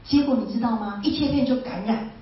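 A fairly high-voiced woman tells her story as a heartfelt testimony, often repeating herself and turning to the listeners with questions. She is heard from a distance in a large, strongly echoing hall. The sound is a little dull. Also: brisk. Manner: repeats phrases and asks listeners rhetorical questions.

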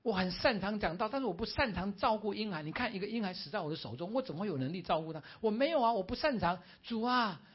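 A man's voice: high-pitched, animated, fast, few pauses, husky, voice pushed up. A man voicing a distraught male preacher who pleads in anguish and grief, in a dull lo-fi recording. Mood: pleading.

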